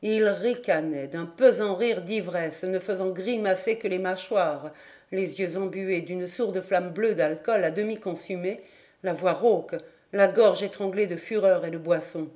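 A woman narrating a classic novel as an audiobook reader, in a measured reading. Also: fairly low pitch, a little mellow. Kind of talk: scripted narration.

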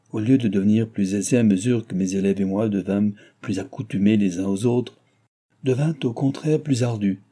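A man narrates a classic novel in an audiobook reading. His voice sits low and sounds very dark and slightly husky. The delivery stays measured and even. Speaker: audiobook reader.

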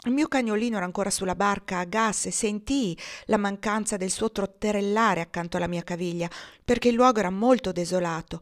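Woman reading a storybook aloud. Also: mid-range voice. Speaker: reader. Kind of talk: audiobook narration.

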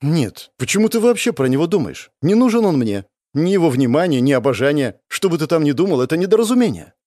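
A man's voice: fairly high pitch, very animated, quick pace, mellow, no room sound, studio quality. A man voicing a shy, flustered young woman in an audiobook, mumbling in embarrassment.

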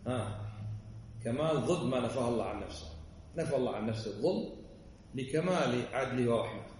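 A man's voice: mid-range voice, a little mellow. A male religious teacher lecturing on a classic text. He speaks with emphasis and keeps asking his listeners pointed questions. The voice sits back from the mic in a big, echoing hall with a long reverb tail. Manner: emphatic, fires rhetorical questions. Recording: echoey hall, voice far from the mic, faint background noise.

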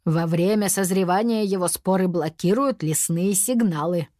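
A woman's voice: lowish voice, moderate pace, dark tone, no echo, clean studio sound, close to an everyday voice. A woman voicing a fussy, preachy male mentor in a storybook reading, lecturing and grumbling. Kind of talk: storybook character voice.

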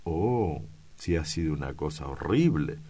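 A man voicing a hot-tempered, vengeful male priest who talks in loud, insistent outbursts. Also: very deep voice, animated, measured pace, slightly rough, heavily acted. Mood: blustering.

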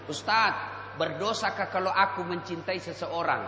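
A man voicing a shy teenage schoolgirl who confides in a preacher, soft and hesitant. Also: high-pitched, moderate pace, muffled recording, noisy background, close to an everyday voice. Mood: pleading. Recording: echoey hall PA.

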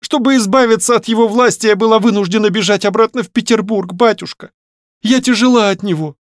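A man reading an audiobook, voicing a frightened, tearful young noblewoman in a high pleading voice. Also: fairly quick, no room sound, studio quality, close to an everyday voice. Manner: high pleading voice, near tears.

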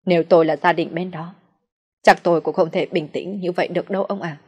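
A woman reading the part of a soft-hearted, worried elderly mother in an audio story, pleading gently. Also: on the low side, steady tone, brisk, breathy edge. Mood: distressed.

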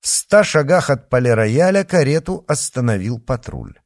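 Guy reading an adventure audiobook, lowish voice, really animated, dry close sound. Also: normal speed, no room sound. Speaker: audiobook narrator. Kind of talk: scripted narration.

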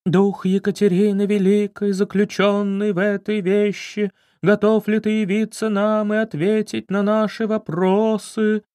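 A man voicing a scheming fake baroness, a theatrical woman who intones in a drawn-out, spooky way. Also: high-pitched, little pitch movement, a little mellow, dry recording, clean studio sound, voice pushed up. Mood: eerie.

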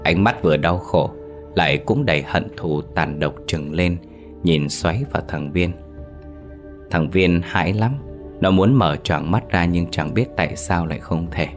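A man narrating a horror story in a steady, ominous way. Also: low voice.

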